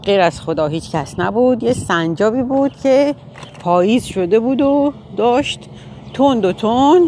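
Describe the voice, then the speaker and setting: A woman's voice: fairly high pitch, animated, dark tone, slight background noise. Woman telling a children's story casually. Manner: casual, informal, with fillers and self-corrections. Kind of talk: children's story telling with English vocabulary asides.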